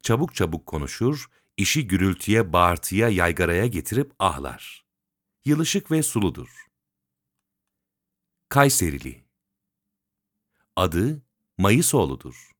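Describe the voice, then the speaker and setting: A man reading a textbook lesson aloud in a measured, list-like way, pausing between items. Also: low voice, sing-song, no echo, studio quality.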